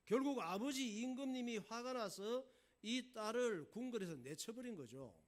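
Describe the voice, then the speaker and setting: A man's voice: very high voice, normal speed. A male pastor telling a folk tale in a casual, folksy sermon. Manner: folksy, animated storyteller. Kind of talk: storytelling sermon.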